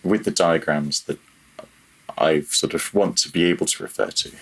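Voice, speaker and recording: A man in his thirties, a freelance audio developer, appears as a podcast guest and talks casually and candidly, often correcting himself mid-sentence and chuckling at himself. His bass voice is husky with vocal fry, heard in a rough recording.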